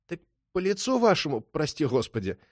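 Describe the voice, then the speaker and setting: A man's voice: a little high, very animated, a little fast, a little mellow, no echo, studio quality, pitched above the performer's own voice. A man voicing a cheeky small-time thief who talks in an ingratiating, playful way. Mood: wheedling. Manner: ingratiating, hoarse-voiced, playful.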